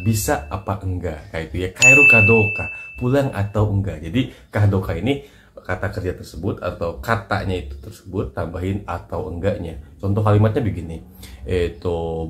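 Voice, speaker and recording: A man teaching in a casual, chatty way, trailing off softly at the ends of his lines. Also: low-pitched. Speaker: Japanese language teacher. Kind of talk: casual lesson in short clips. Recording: noisy recording with clicks.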